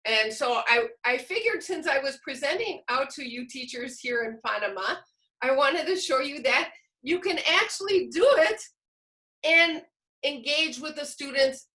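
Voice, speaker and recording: This trainer's voice is high, animated and a little slow, with a pushed, bright quality. She speaks informally to teachers over a video call in an online meeting, explaining material and answering her own questions as she goes.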